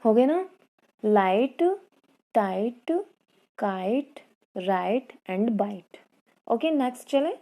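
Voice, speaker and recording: A woman's voice: a little high, expressive, mellow. A woman teacher explaining an English poem lesson, asking her students questions and repeating key words. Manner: reads English lines slowly and carefully. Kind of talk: online class lesson in Hindi-English mix.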